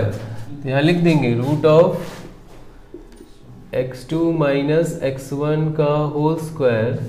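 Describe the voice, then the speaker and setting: A man's voice: a little high, dark tone, reverberant. A man teaching a board-exam maths lesson, talking students through each step and checking they follow.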